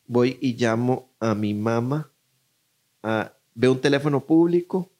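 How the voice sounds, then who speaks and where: A man's voice: mid-range voice, animated, unhurried, darkish tone. A young man with a Costa Rican accent telling a story in casual chat, acting out voices as he goes.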